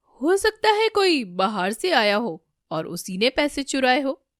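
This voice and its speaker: Cartoon thief bride, voiced by a woman, high, sly, scheming. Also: animated, a little slow, no echo, clean studio sound. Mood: panicked. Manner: sly, scheming asides, panicky when caught. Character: scheming thieving young daughter-in-law.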